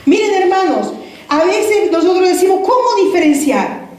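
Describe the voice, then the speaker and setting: A woman's voice: extremely high pitch, very animated, moderate pace, darkish tone. Woman pastor, sermon, repetitive rhetorical questions, heavy church echo, recorded from afar. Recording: very echoey church hall from far off.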